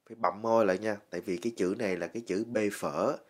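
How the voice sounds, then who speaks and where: A man teaching a language lesson, slowly and patiently drilling words with many repetitions. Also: on the low side, fairly even intonation. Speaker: English teacher.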